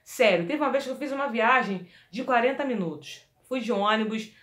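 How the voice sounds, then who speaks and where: A woman singing teacher giving a lively vocal lesson, coaching the listener directly and demonstrating exercises. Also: on the high side, a little fast. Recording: echoey room.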